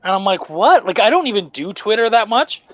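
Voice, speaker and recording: A man's voice: high voice, brisk, no echo, lo-fi sound. A man, a comic book writer guesting on a podcast, telling a story in casual chat with lots of swearing and restarts. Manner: profane, rambling, animated retelling with restarts.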